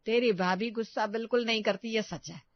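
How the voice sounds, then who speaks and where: A woman's voice: fairly high pitch, steady tone, a little fast, dry recording, muffled recording, natural voice. A woman voicing an older mother-in-law in a cartoon story, scolding but affectionate. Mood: coaxing.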